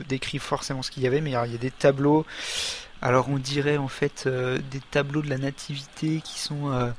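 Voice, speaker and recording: A man talking through a horror video game as he plays, pausing often and restarting his sentences. His voice sits at an ordinary middle pitch. A faint noise runs under the recording. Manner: hesitant, halting, many fillers and restarts. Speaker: gamer. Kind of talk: let's play commentary.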